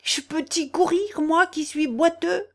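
A woman's voice: very high voice, measured pace, fairly bright tone, pitched above the performer's own voice, heavily acted. A woman reading an audiobook, voicing a lame old village sacristan with rustic country speech. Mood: anxious.

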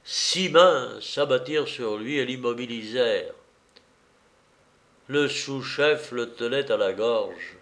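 Slow-paced male audiobook narrator. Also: medium pitch. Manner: measured, expressive storytelling. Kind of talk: scripted narration of a novel.

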